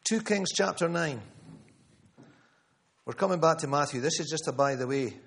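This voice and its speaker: A man's voice: fairly high pitch, normal speed, vocal fry. A man preaching a sermon to a room, emphatic, repeating key phrases and calling on listeners by name. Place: church gathering room.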